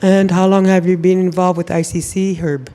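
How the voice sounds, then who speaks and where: A woman's voice: lowish voice, little pitch movement, normal speed, mellow. A woman asking questions as a broadcast interviewer.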